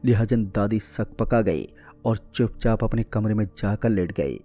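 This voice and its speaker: A man narrating a scripted horror story in a steady, measured way. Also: fairly low pitch.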